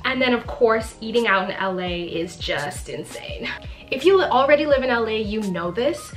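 A woman's voice: on the high side, animated, normal speed. Brief chatty, emphatic woman in her twenties from the Bahamas, vlogging to camera at close range, faint music underneath. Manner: chatty and emphatic, often says literally. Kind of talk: casual talking-to-camera vlog. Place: small bright living room indoors.

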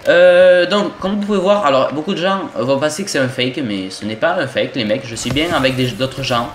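A young man from southern France with a southern French accent, giving excitable, swearing gameplay commentary as he plays an online shooter. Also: mid-range voice, moderate pace. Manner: excitable, swears often, jokey asides. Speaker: gaming YouTuber. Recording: roomy home recording with game music.

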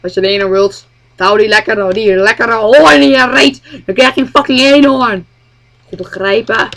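A woman's voice: on the high side, moderate pace, vocal fry, fairly bright tone. A woman voicing a short-tempered mother who scolds and swears crudely at her child. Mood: scolding.

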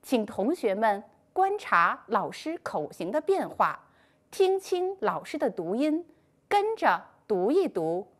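A woman teaching a first-grade class in a scripted online lesson, speaking slowly in a sing-song, encouraging way. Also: fairly high pitch, very animated. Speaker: primary school teacher.

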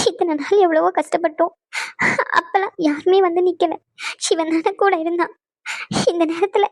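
Cartoon role: woman voicing sorrowful young bride, quiet, dry close sound. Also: high voice, no echo. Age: young adult. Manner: subdued, sorrowful. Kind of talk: cartoon voice acting.

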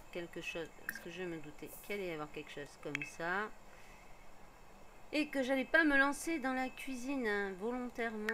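A hoarse woman streaming a life-sim game, explaining each step casually with lots of fillers. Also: fairly low pitch, noisy background. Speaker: gaming streamer. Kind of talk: casual gameplay commentary.

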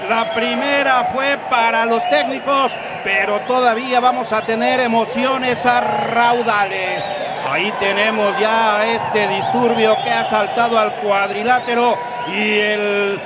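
A man with a Mexican accent hosting live wrestling commentary, excited and emphatic, often repeating himself. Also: very high voice, takes it slowly. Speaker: lead wrestling commentator and host. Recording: noisy arena with loud crowd.

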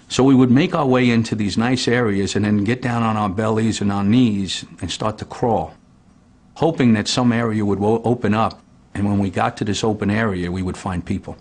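A man, a rescue commander, calmly recalling his search work in an interview. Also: lowish voice, breathy edge. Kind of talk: interview recollection.

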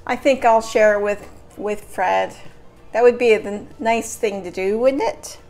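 A woman's voice: medium pitch, measured pace, a little mellow, faint music behind. A middle-aged woman chatting casually as she demonstrates a recipe at home in her kitchen. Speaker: home cooking vlogger.

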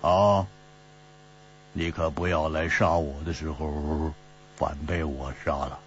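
A man's voice: extremely low pitch, fairly even intonation, slow, voice pushed down. A man voicing a bold, jovial swordsman who laughs and teases his captors, in pingshu storytelling style. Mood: mocking bravado. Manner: laughing, teasing storyteller's character voice. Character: bold, jovial male swordsman, boastful and mocking. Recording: dull lo-fi recording with mains hum.

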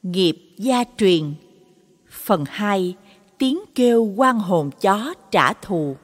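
A woman's voice: medium pitch, very slow. Woman narrating a late-night story, reverb. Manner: dramatic, expressive storytelling. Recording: long reverb on voice.

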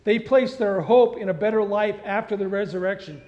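A middle-aged man preaches from a large church stage, his voice sitting fairly high. He keeps putting questions to the congregation in an animated, conversational way. The sound is a little muffled, with long reverb rolling through the hall. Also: a little fast. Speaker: pastor. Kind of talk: sermon.

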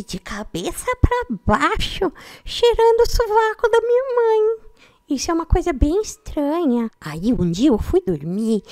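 A woman from São Paulo voicing her pet male parakeet, a sweet, friendly little bird, talking slowly and playfully. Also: sits high, darkish tone, no room sound, studio quality, voice pushed down, exaggerated voice. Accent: Brazilian Portuguese, São Paulo. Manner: slow, playful, childlike storytelling.

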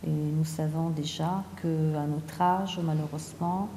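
A middle-aged woman calmly tells her story as a patient, speaking in a measured way with frequent hesitant pauses. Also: sits low, a little hiss or hum. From Italy. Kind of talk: calm conversational testimony. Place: large room with tall windows, seated at a round table. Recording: roomy hall with long reverb and crowd murmur.

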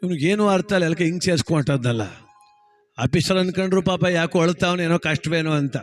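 Man, folk comedy storyteller, chatty, teasing asides, high voice. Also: quick pace, soft background music.

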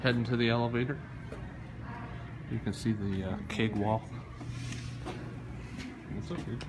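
A man's voice: medium pitch, steady tone, unhurried, background noise. A man, chatting casually and laughing as he live-streams himself walking through an indoor brewery museum on a phone. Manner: chatty, folksy, laughs often. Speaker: livestreaming visitor on a tour. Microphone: phone held by the streamer.

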